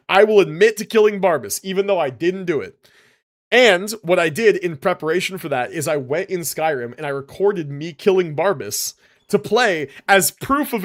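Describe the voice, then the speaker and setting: Telling a story on his live stream, this young adult man chats loosely and wanders off track. He keeps tacking on "like" and "right?", his syllables occasionally blur, and his voice is high.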